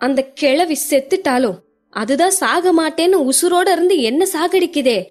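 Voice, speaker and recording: A woman's voice: sits high, animated, normal speed, faint music behind, voice pushed up. A woman voicing a panicked young woman who pleads with her friend, sobbing between her words, in an audio story. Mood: upset complaining.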